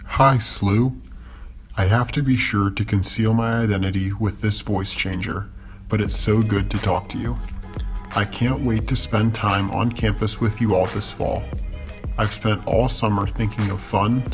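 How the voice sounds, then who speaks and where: A man voicing a cheerful, big-bellied mascot creature through a voice changer that disguises his voice, talking in an upbeat, jokey way. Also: fairly low pitch. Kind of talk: scripted campus safety video.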